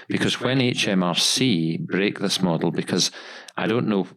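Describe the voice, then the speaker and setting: In a casual podcast discussion, a dental practice owner and host covers how to run a practice. His low-pitched, slightly bright voice moves at a moderate pace through long, emphatic stretches heavy with repetition.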